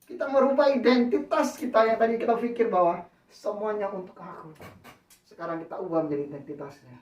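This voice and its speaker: Woman preaching in a booming echoey hall. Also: brisk, a little mellow. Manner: repeats "ya" and "saudara", calls out to the congregation. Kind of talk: sermon. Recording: echoey, distant, dull church recording.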